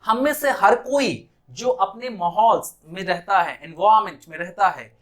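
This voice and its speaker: A man with an Indian accent teaching a spoken English lesson in Hindi, slowing down to spell out English words syllable by syllable. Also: high voice, fairly bright tone.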